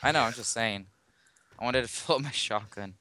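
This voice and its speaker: A man's voice: mid-range voice, normal speed, slight background noise. A young man joking and laughing with a friend during a multiplayer game. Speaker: gaming friend. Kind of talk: casual gameplay chat. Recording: gameplay audio with loud gunfire. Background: loud gunfire from the game.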